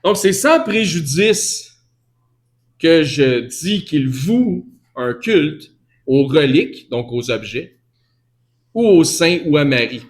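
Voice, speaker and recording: A man with a Québécois accent gives a teaching sermon in a fairly high voice. He talks conversationally, restarting and correcting his phrases as he goes, and stops to answer questions from the congregation. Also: animated, takes it slowly. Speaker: preacher.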